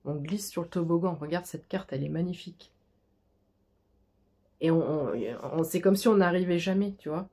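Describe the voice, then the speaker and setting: A tarot card reader addresses the viewer in an intimate, reassuring reading, often stumbling over and repeating words. Her voice is fairly low, mellow and a bit breathy, at normal speed with frequent pauses.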